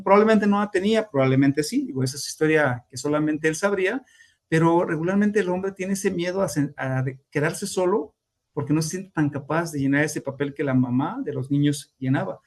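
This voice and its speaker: A man's voice: a little high, brisk. A man lecturing on grief as a therapist, explaining steps and acting out clients' voices in quotes. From Mexico. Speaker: grief therapist teaching a class.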